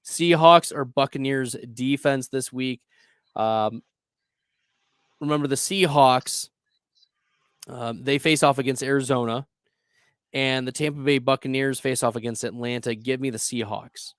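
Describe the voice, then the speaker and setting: Upbeat guy hosting a fantasy football show, smooth clear voice, dry close sound. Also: medium pitch, steady tone, measured pace, long pauses, a bit bright, no room sound. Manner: chatty, upbeat, laughs easily. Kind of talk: casual sports advice chat.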